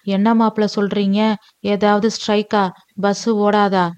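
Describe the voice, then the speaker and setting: A woman voicing a gentle, caring older father, a widower, speaking with tender fatherly reassurance in an audio love story. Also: medium pitch, little pitch movement, moderate pace, clean tone, dry recording, natural voice. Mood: earnest. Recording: dull, dry lo-fi recording.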